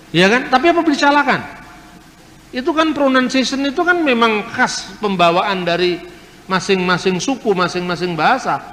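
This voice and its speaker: A man delivers a lively teaching lecture in a slightly high voice. His words ring out with a long reverb, as if spoken in a large hall. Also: a little hiss or hum. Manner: lively, explanatory, imitates regional pronunciations. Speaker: religious speaker.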